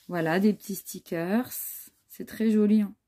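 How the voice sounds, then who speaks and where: A woman vlogger with a mid-range, warm voice speaks slowly and with fairly even intonation. She chats casually while showing off a handmade scrapbook album, sprinkling in admiring asides and fillers.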